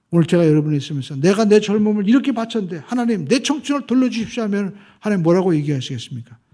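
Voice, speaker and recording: A male senior pastor preaching a sermon, swinging his pitch and loudness for emphasis and acting out the voices of the crowd.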